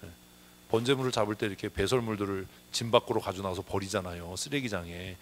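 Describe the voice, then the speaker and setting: A man's voice: on the low side, fast, slight background noise. A man preaching a sermon as pastor, emphatic, often asking rhetorical questions. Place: church sanctuary.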